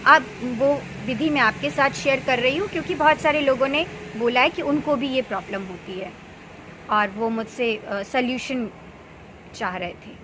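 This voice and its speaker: A woman in her thirties, a meditation practitioner, earnestly explaining a practice in unhurried casual talk with pauses and fillers. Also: high voice, noisy background. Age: 30s. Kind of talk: casual spoken advice.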